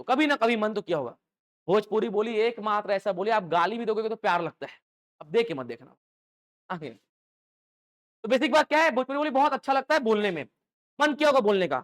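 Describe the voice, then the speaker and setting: A male teacher delivering a live lecture to a room of students, pausing often to quiz them and draw answers back in chorus. His delivery swings between raised, emphatic questions and quieter asides as he explains the basics step by step. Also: high voice. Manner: call-and-response questioning, lively rhetorical checks. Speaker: English teacher for exam coaching. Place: classroom with students.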